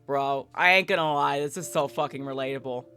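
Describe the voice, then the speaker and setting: A woman livestreams herself playing a visual novel, reading it aloud and chatting candidly with plenty of swearing while the game's music plays underneath. Her bass voice is a little fast, pushed and bright.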